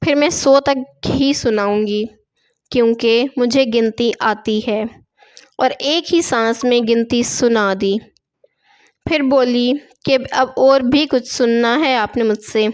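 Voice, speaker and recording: A woman narrating a long storybook tale in a steady, gentle reading voice, reading the dialogue within the narration. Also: fairly high pitch, clean tone.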